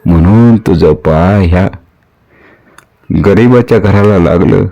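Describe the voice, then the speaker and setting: A man's voice: sits low, slow pace, mellow, highs cut off. A man voicing a humble, proud old village father who speaks in rustic, earnest words in a spoken storybook.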